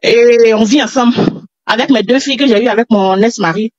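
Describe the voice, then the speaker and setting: A breathless, agitated woman, pouring out her story to a call-in host with a fairly high voice. The audio is dull and dry, like a lo-fi call recording. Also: a little fast, a little mellow, no echo. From Africa. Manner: agitated, repeats herself. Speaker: caller. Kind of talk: telling a personal story on a call.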